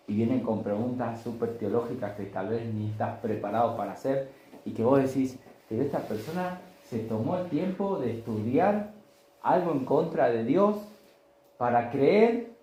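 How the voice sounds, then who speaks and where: A man's voice: mid-range voice, dark tone, roomy sound, rough recording. A man preaching a Sunday sermon, telling stories in a conversational way and acting out the voices in them. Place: church.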